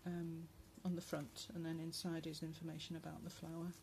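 A crafter with a lowish, slightly hoarse voice flips through her handmade journal, chatting softly and flatly with many pauses and "um"s while clearing her throat. A phone camera above a table at home captures her, with a faint hum in the room.

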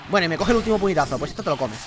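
A young man with a Spain Spanish accent giving excitable, slangy live commentary while playing a fighting game and chatting to his viewers. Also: fairly high pitch, racing. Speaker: gaming YouTuber. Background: game music.

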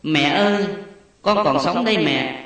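A man's voice: a little high, lively intonation, a little slow, fairly bright tone. A man voicing a starving young child who pleads with its mother, heard from a distance in an echoey space. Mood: pleading.

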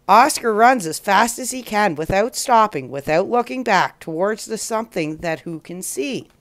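A woman hosting a children's story show, reading a picture book aloud in a slow, expressive way. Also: medium pitch. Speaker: storyteller host.

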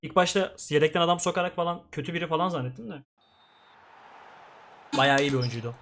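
Excitable young man commenting on gameplay. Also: fairly high pitch, fast. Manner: excitable, swings from grumbling to shouting. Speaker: gaming streamer.

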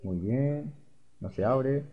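A man's voice: mid-range voice, lively intonation, slow. A man playing a video game, muttering to himself and reading on-screen text aloud. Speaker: gamer. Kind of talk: let's play commentary. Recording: dull lo-fi recording with faint hiss.

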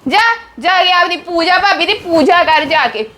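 A woman with a very high voice plays an aggrieved daughter-in-law in a home drama skit. She complains and scolds. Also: moderate pace, bright, forceful tone, a little hiss or hum. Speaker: actor playing a resentful daughter-in-law. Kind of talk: family drama skit acting.

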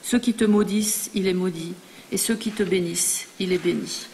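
A woman reading aloud the solemn blessing of an old father, in a measured way. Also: fairly low pitch, darkish tone, slight background noise, close to an everyday voice. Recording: long reverb in a large hall.

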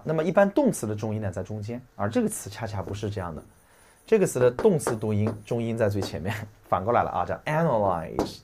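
Guy teacher going over english vocab, lowish voice, chatty, lots of little filler words, reads the english slowly. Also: darkish tone. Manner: explains in a chatty way, with frequent trailing "啊" and "对吧"; slows down to read English terms and phrases aloud. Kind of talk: recorded vocabulary lecture.

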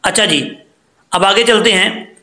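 A man teaching recitation rules patiently, step by step, and chanting slow examples. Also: sits high, bright, forceful tone. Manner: patient, explains step by step, then chants slowly. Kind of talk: tajweed lesson with recited examples.

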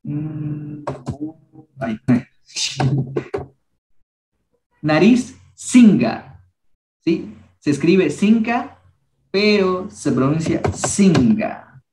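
A young man leads a language class, speaking slowly and patiently and repeating each word for his students. His voice sits a little high for a man, and the recording carries an echoey room. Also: lively intonation, background noise. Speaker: language workshop teacher. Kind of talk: teaching a class.

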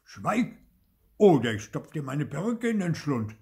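A man's voice: medium pitch, big pitch swings, measured pace, dark tone. A man voicing a fussy, indignant old woodcarver who scolds his carved puppet and then laments. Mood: scolding.

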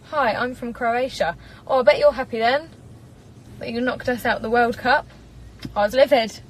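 Speaking at a moderate pace with a fairly high pitch, a twenty-something English singer live-streams from her parked car, chatting casually and reading comments. She's bubbly, chatty and giggly, talking into a propped-up phone on a low-quality recording with slight background noise.

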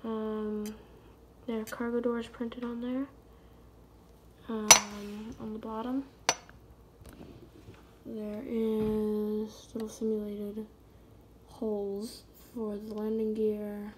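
A woman giving a casual unboxing review of a scale model, filmed on a phone, hesitant with many ums and pauses. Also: medium pitch, completely flat delivery, darkish tone, slight background noise. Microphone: phone camera.

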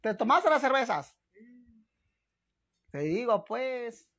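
Husky, dramatic Mexican man streaming. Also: very high voice, big pitch swings, slow pace, fairly bright tone. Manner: dramatic, exclamatory, calls viewers "hermanas". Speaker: live-streaming vlogger. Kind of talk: casual live-stream chat.

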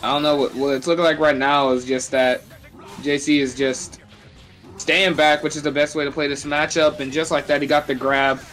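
A man's voice: fairly high pitch, flat delivery, moderate pace, fairly bright tone, soft background music, low-quality recording. A man giving casual live play-by-play commentary on a fighting game. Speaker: esports match commentator.

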